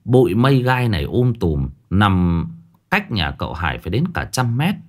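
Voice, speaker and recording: A man narrating a ghost story in an expressive storytelling manner. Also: fairly low pitch, normal speed.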